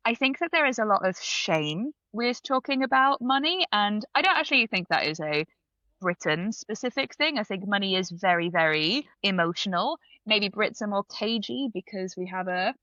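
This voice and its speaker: A woman's voice: mid-range voice, pushed and bright, dry recording, highs cut off. A woman from Belgium with British parents, a guest chatting on a podcast, laughing between thoughts and hedging often. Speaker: guest, writer and comedian. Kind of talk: casual podcast chat.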